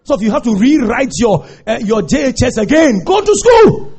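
A pastor preaching a sermon, urging and repeating himself, breaking into shouts. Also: male voice, very high-pitched, animated, brisk, creaky, husky. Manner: exhortative preaching, repeating phrases, bursts of shouting.

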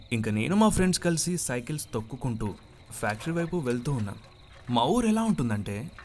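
A man's voice: medium pitch, a little hiss or hum. A male podcast storyteller narrating a first-person horror story and acting out its dialogue dramatically.

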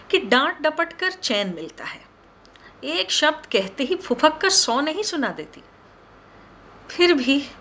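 A woman narrating a short story in an expressive, measured reading. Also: fairly high pitch, a little hiss or hum.

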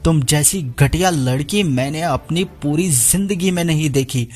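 A man voicing a bitter, desperate young man who speaks harshly and shouts. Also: on the high side, unhurried, soft background music, natural voice. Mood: bitter angry.

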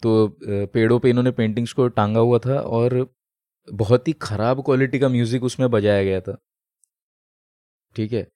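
A man's voice: medium pitch, fairly even intonation, normal speed, long pauses, mellow, dry recording, studio quality. A man co-hosting a casual podcast, explaining at length with many fillers and English phrases mixed in. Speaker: podcast co-host. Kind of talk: casual chat.

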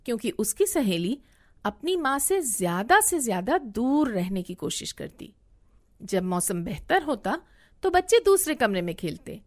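A middle-aged woman, a parenting coach, hosting a podcast and telling a story in an expressive way. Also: on the high side.

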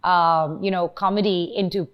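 A woman's voice: on the low side, steady tone, normal speed, clean tone, lo-fi sound. A woman with an Indian accent hosting an interview, affirming her guest and thinking aloud through long, conversational questions. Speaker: interview host.

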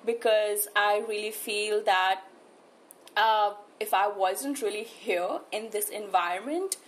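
A woman's voice: mid-range voice, takes it slowly, poor audio. A woman from India with an urban New Delhi accent, reflecting on her own life in an interview, earnest and emphatic, often repeating words for emphasis. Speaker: interview guest, spiritual coach. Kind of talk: conversational interview, personal reflection.

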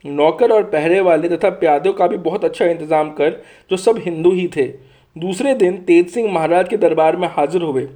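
A man's voice: sits high, normal speed, warm tone. A man narrating a story from a script as an audiobook reader.

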